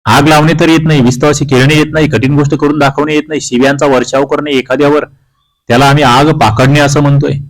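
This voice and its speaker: A man's voice: fairly high pitch, level tone, fast, rough recording. A man teaching exam prep from Maharashtra, reading each question and its options aloud and then explaining the answer. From Maharashtra, India. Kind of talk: quiz walkthrough lesson.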